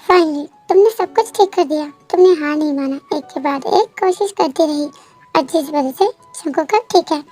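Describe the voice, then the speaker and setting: A woman voicing a fatherly male death god who speaks gently and reassuringly in a fan story. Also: high-pitched, normal speed, soft background music, close to an everyday voice.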